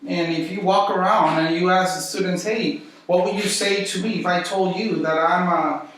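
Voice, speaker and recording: A man's voice: high voice, fairly even intonation, moderate pace, a bit bright. A man with a Guatemalan, Central American accent teaching a small Bible study group informally, with rhetorical questions and repetition. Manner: conversational, uses rhetorical questions and repetition for emphasis. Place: echoey indoor room. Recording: echoey room, distant mic, faint noise.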